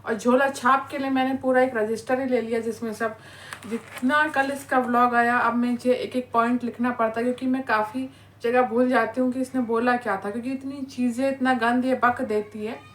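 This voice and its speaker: Scolding woman reaction host, slightly high voice. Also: steady tone, normal speed. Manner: scolding, insulting, repeated "है ना" tags. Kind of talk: angry reaction rant.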